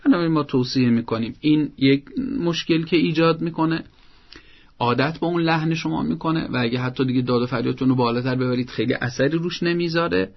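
A man with a gravelly, creaky voice gives parenting advice on a broadcast talk program. He lays out his points one by one in a firm, teacherly manner. The sound is dull and lo-fi. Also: on the high side. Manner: firm, didactic, explains step by step. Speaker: parenting advisor.

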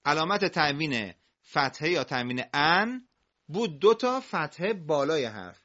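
Man, recitation teacher, animated higher voice, drawn-out example words, muffled lo-fi recording. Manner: explains briskly, drawls example words slowly for repetition. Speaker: Quran reading teacher. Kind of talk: recitation lesson. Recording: muffled lo-fi audio.

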